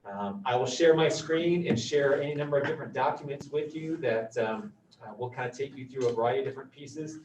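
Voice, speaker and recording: A man's voice: mid-range voice, a little fast. Man muffled through a face mask, echoey. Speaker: meeting facilitator. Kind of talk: informal opening remarks to a meeting. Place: meeting room, relayed over a video call. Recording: echoey room, dull distant mic, faint noise.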